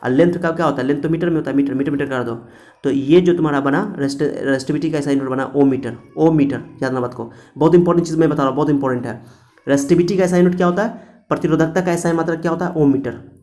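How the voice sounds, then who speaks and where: A man delivers a physics lecture to students in a very fast, fairly high voice with a darkish tone. He repeats the key points and asks questions only to answer them himself.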